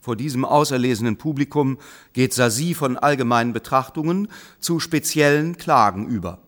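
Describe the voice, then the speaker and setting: A man reading a comic story aloud as narrator, with wry, lively storytelling. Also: medium pitch, moderate pace, long reverb tail.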